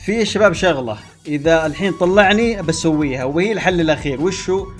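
A young man narrates a console game from home for his channel, excitable and quick to yell at other players. He talks straight to his viewers, and faint game music plays behind him. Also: on the high side. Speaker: gaming channel host. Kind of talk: live gameplay commentary.

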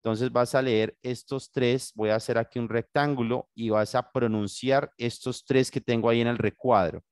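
A Colombian man teaches an English lesson over a video call, patiently guiding his students and checking in with them again and again. His voice sits at a middling pitch. The sound is close and dry, with no room around it. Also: steady tone, moderate pace, darkish tone, clear, resonant tone, no echo. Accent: Colombian Spanish. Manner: patient, guiding, asks "¿sí?" often. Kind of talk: online class, bilingual instruction. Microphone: computer mic on video call.

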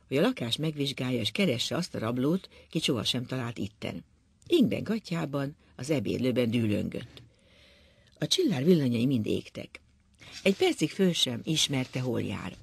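A male narrator reads a literary novel aloud in a measured, even way. His voice is gravelly and a little husky. The recording sounds close and dry. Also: medium pitch, no echo. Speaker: audiobook narrator.

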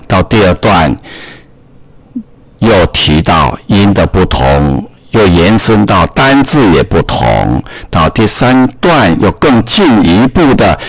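A man's voice: deep voice, no room sound. A man teaching a reading lesson, explaining step by step and repeating key words. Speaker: English teacher.

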